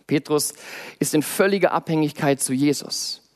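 Young male preacher, dramatic delivery, rhetorical questions, fairly high voice. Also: moderate pace. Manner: dramatic, rhetorical questions, swings loud and soft. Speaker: youth preacher. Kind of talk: sermon.

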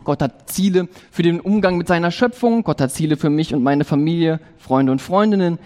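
A man preaching a sermon, slow and emphatic, repeating key phrases with rising stress. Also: fairly high pitch, darkish tone. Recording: long reverb of a large hall.

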